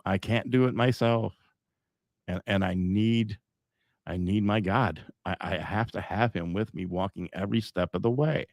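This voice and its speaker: A man's voice: lowish voice, normal speed, no echo, clean studio sound. A middle-aged man hosting a live podcast, talking in a rambling, emphatic way with frequent chuckles. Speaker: podcast host.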